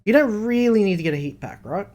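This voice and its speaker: Bantering with mates on the podcast he co-hosts, this Australian man speaks quickly in a high, expressive, slightly mellow voice. His delivery is blunt and emphatic, with lots of swearing.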